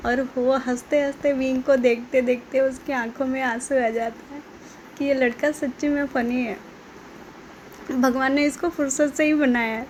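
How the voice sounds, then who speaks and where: A woman with a high, slightly mellow voice casually retells the plot of a drama, chatting along and laughing at the funny bits. She quotes the characters and keeps breaking into laughter, with a little background noise behind her.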